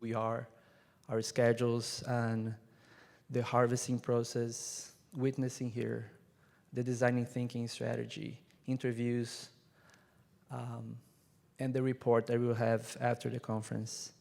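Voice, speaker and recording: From a large conference hall stage, a Brazilian man serving as a witness speaker gives reflective closing remarks. His mid-range voice is gravelly and even, and he's earnest and measured, laying out ideas point by point as the big room adds hall reverb.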